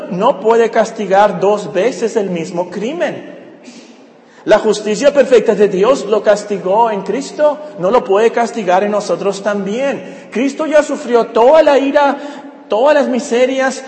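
A man preaching a sermon to a congregation, animated and often asking them questions. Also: high-pitched. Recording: echoey hall with long reverb.

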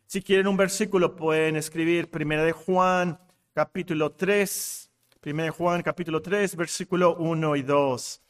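A man preaching a sermon, emphatic, repeating key phrases and swinging from loud exclamations to hushed low tones. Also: fairly even intonation. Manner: slows and stretches words for emphasis.

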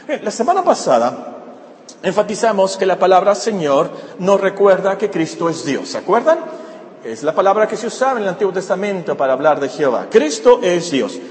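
A male pastor preaching a sermon with animated delivery, repeating phrases for emphasis. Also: high-pitched, slight background noise. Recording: echoey hall with faint ambience.

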